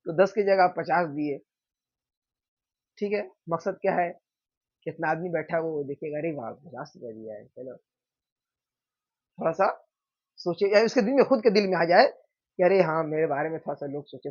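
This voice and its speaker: A man teaching an informal religion class, asking questions and answering them himself, often checking in with his listeners. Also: high voice. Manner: conversational, checks in with "theek hai". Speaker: Islamic teacher. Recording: dull lo-fi sound.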